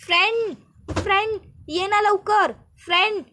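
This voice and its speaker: A woman's voice: very high voice, fairly even intonation, moderate pace, a bit bright, slight background noise. A woman voicing a clingy young woman who keeps pleading and repeating herself in a whiny way.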